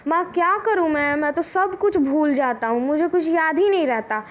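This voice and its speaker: Teacher doing a forgetful little boy from a storybook, bright and excitable. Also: high voice, moderate pace, pitched above the performer's own voice, close to an everyday voice. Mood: helpless. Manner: excited, childlike exclamations.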